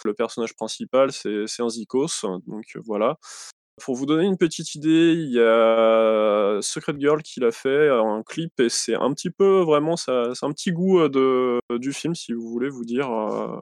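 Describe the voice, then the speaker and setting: A man's voice: medium pitch, normal speed, darkish tone. A man with a mid-range voice talks casually on a podcast. He rambles, fills the gaps with hesitations and corrects himself as he goes. The sound is dry and close, with no room echo. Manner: rambling, many fillers and self-corrections. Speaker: podcast co-host presenting a film.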